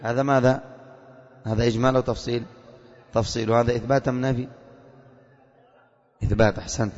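A man teaching at a fast clip. He fires quick questions at his students and calls them by name. The sound is muffled, with a long hall echo. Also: medium pitch, steady tone, a little mellow. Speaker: teacher of a religious lesson.

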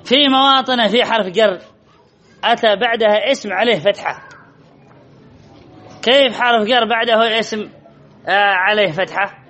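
A man's voice: high-pitched, moderate pace, pauses often, pushed and bright, muffled recording. A man teaching Arabic grammar to a class, quizzing students and repeating key phrases. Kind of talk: classroom lesson with questions to students.

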